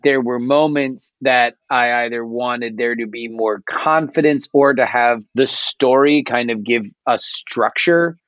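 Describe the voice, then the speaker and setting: A man's voice: a little slow, few pauses, a bit bright, no room sound. Hesitant man, slightly muffled sound. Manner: hesitant, many restarts, acts out lines in a high voice. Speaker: podcast contest judge. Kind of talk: casual critique.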